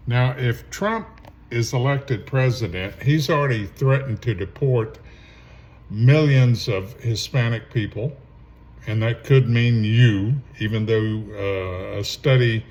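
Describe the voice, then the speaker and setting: A man talks through his kitchen ingredients at an unhurried, easygoing pace. He rambles into opinionated asides, with a middle-of-the-road pitch. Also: a little mellow, muffled recording. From southern Louisiana. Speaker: home cooking show host. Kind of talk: casual cooking vlog commentary.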